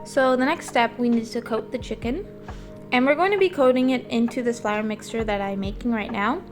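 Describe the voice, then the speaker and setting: A woman with a fairly high voice that has a slight scratch from a sore throat. She narrates a home recipe in a casual, chatty way, explaining as she goes, with music playing behind her. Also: a little fast. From Portugal. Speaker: home cook hosting a recipe vlog. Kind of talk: casual cooking voice-over. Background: background music.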